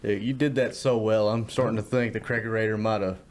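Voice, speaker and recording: Low-voiced joking man. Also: fairly even intonation, fairly quick, a little hiss or hum. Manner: joking, teasing banter. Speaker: podcast co-host. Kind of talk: casual chat.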